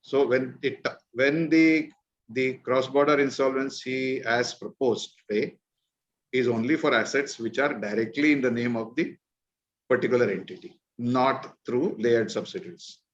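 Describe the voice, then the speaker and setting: A man's voice: medium pitch, unhurried. A man with a North Indian accent leading an online discussion, explaining points informally and checking in with listeners. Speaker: discussion leader, presenter. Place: virtual meeting call. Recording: dull, lo-fi online call.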